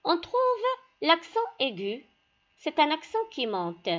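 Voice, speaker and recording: A woman teacher walks pupils through a lesson at a slow, careful pace. Her voice sits a little high and moves through a wide, lively range of pitch. The recording is dull and lo-fi. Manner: slow, deliberate, addresses pupils directly. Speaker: primary school teacher. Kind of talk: classroom lesson.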